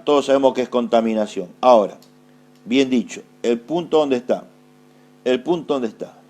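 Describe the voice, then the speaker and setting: A man's voice: mid-range voice, darkish tone. A man with an Argentine accent preaching a sermon, asking rhetorical questions, answering them himself and repeating phrases for emphasis. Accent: Argentine Spanish. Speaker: apostle preaching.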